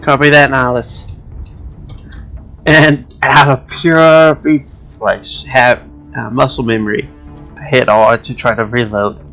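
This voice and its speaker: Guy doing casual lets play commentary, mid pitch voice, bit of game music behind. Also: steady tone, slow pace, a bit bright.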